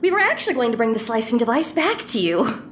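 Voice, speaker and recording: A woman playing a brash, quick-thinking schemer who bosses her partner around in an audio drama. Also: a little high, slight background noise. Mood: excitable. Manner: brash, bossy, with bursts of nervous excitement.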